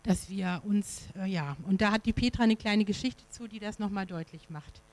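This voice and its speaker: A woman's voice: mid-range voice, normal speed, low-quality recording. A woman gives a sermon in an easy, conversational manner. She stops for small fillers and asks the room rhetorical questions as she goes. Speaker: preacher.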